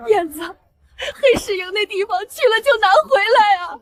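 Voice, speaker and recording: A woman's voice: very high voice, normal speed. A middle-aged woman voicing an anxious peasant mother who talks in a tearful, pleading way. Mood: distraught.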